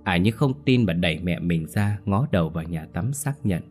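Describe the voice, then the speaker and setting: A man telling a ghost story in a calm, measured narration. His voice sits low, and quiet music plays faintly underneath.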